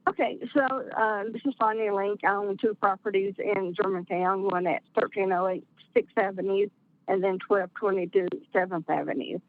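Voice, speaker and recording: A woman calling in by phone to give public comment at a community meeting, speaking in a measured way with many uh fillers. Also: mid-range voice, steady tone. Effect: over the phone. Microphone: phone call-in. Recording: tinny phone line.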